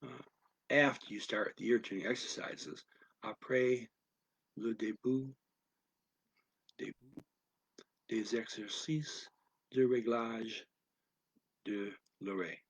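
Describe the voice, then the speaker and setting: A man teaching a language lesson, reading each phrase and then its translation in a deliberate, soft manner that drops near a whisper at times. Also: on the low side, steady tone, creaky, breathy edge, dry recording, rough recording. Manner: deliberate, alternates each English phrase with its French version.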